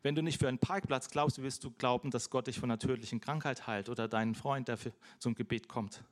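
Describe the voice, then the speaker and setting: A man's voice: mid-range voice, steady tone, fast. A man preaching an informal sermon, chatty and direct, with everyday examples and frequent "ne?" tags.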